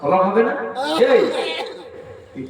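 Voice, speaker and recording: A man preaching a sermon to a crowd, now and then chanting long high passages and calling on the listeners to respond. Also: sing-song, slow, muffled recording. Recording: loud echoing PA from far off.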